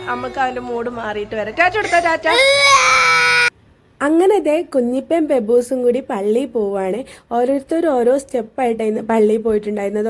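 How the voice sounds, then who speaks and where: A woman's voice: a little high, warm tone. Chatty woman. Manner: chatty, rambling, addresses viewers as guys. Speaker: vlogger. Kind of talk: casual family vlog narration.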